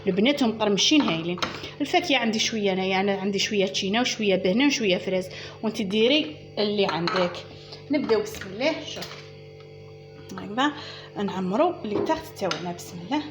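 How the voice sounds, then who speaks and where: Chatty Algerian woman, home baking host, quick instructive patter, clear music bed behind. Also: mid-range voice, expressive. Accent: Algerian Arabic. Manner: chatty and instructive, addressing viewers as "girls". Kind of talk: casual cooking tutorial.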